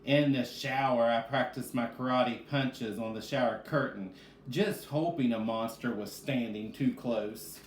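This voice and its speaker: A man, a reading specialist and teacher, reads to children in an echoey room during a read-aloud lesson built around questions. His mid-range voice runs a little slow, and he addresses the kids directly, answering his own questions, with faint background noise present.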